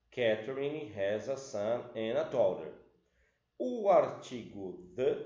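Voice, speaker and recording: A man's voice: medium pitch, warm tone. A man with a Brazilian Portuguese accent teaching an English grammar lesson, explaining step by step and checking in with the class. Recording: roomy dull lo-fi sound.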